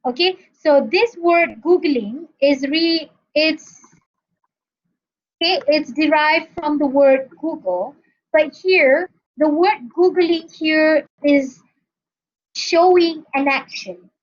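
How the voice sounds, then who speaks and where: In a lo-fi recording, a university English lecturer from Malaysia teaches grammar with a Malaysian English accent; English is not her first language. Her voice sits high and she takes her time, breaking things down step by step and frequently asking the class "okay?".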